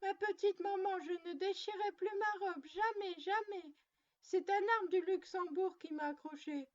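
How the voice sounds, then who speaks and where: A woman's voice: extremely high pitch, unhurried, far from the mic, lo-fi sound, voice pushed up. A woman reading a storybook, voicing a naughty little girl doll who whines and pleads. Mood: pleading. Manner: whiny and pleading.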